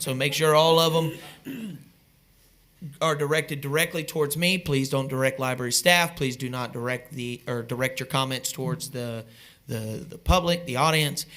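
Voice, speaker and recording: A man's voice: mid-range voice, bright, forceful tone. A man chairing a public meeting, giving informal procedural instructions in a folksy, wry way.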